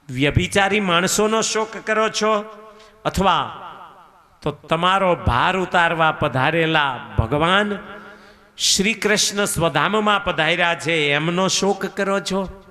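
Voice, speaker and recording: A man's voice: high voice, bright, forceful tone, full character voice. A man voicing a lame male bull that grieves and pleads, asking question after question in an echoing hall with faint music. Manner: long chain of sorrowful questions.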